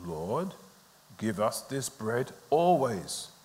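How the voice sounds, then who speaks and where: A man preaching from the pulpit, his pitch rising and falling over a wide range. He speaks in short, emphatic bursts, pausing for his interpreter and laughing readily. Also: very animated, a little mellow, in a large hall. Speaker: pastor. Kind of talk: preached sermon with live interpretation. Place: church service.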